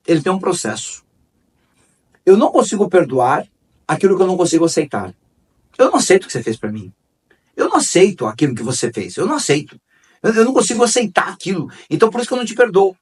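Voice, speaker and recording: A man's voice: sits high, big pitch swings, fast talker, a little mellow, breathy edge, recorded from a distance. A man hosting a conversational talk on forgiveness, repeating key phrases and telling stories. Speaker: host.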